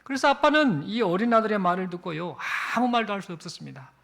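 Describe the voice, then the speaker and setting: A male pastor telling a story from the pulpit in an animated way. His voice is high and swings widely in pitch, with a gravelly fry running through it. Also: fast. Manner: animated storytelling with acted-out quotes. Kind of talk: sermon storytelling.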